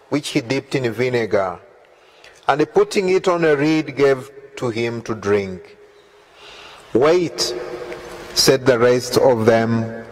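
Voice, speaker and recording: Slow, reverent male prayer leader. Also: medium pitch, low-quality recording. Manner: slow, reverent, measured reading. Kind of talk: devotional reading of the Way of the Cross.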